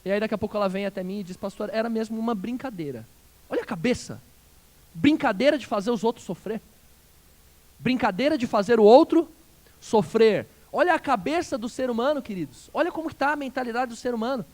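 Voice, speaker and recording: A male pastor preaching a sermon, asking the congregation questions and swinging between loud emphatic phrases and quiet dropped endings. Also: extremely high pitch, expressive, fast talker. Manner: asks the congregation rhetorical questions.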